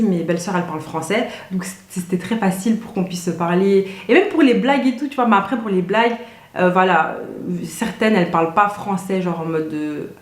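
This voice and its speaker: A young woman, talking casually to camera in a loose, slangy way, full of fillers and restarts. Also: mid-range voice. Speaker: vlogger. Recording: roomy echoey room.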